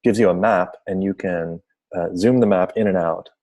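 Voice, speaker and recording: Deep-voiced man hosting an online seminar. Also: normal speed, mellow. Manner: explains at length, apologetic, informal. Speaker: seminar host. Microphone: video call.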